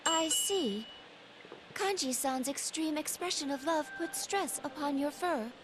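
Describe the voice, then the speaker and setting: A woman voicing a polite, earnest female android with a measured, formal delivery, with game music behind. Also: sits high, background noise. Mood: calm.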